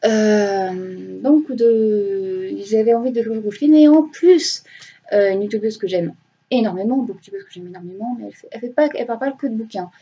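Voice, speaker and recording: A woman's voice: mid-range voice, fairly quick, warm tone, slightly rough, highs cut off. Chatty, hesitant woman booktuber. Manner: chatty, rambling with many hesitations and self-corrections; self-mocking. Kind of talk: casual reading vlog.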